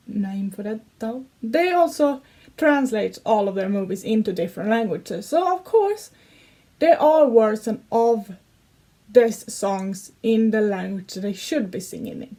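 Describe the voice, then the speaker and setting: A giggly young Swedish-accented YouTuber reacts to songs, chatting casually in a warm, animated, fairly high voice. She takes her time, pausing and restarting as her English grammar slips now and then.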